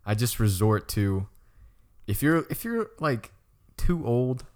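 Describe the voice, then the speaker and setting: A man's voice: medium pitch, big pitch swings, slow pace, a little mellow. A young man co-hosting a casual chat, rambling with lots of stammered restarts and frequent laughter. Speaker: podcast co-host.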